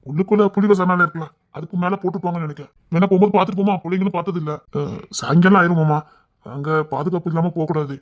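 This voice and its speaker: A young husband who jokes and teases his in-laws at a quick clip, as a man acts him out. He talks. The recording sounds dull and muffled. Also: sits high, fairly even intonation, lightly acted. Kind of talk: audio drama acting.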